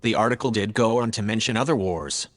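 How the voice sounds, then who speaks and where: In a scripted audio drama, a man voices an earnest, logical male AI who is troubled by humans. His report comes out measured, formal and factual, in an earnest, matter-of-fact mood and a slightly low voice that stays close to everyday speech, with a long hall-like reverb trailing behind.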